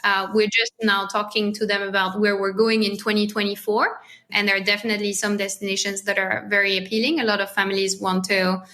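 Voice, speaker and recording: A woman's voice: mid-range voice, level tone, fairly quick, bright, forceful tone. A woman in her thirties with a French accent, a podcast guest talking casually and thoughtfully, often restarting her phrases. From France. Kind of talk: casual interview talk.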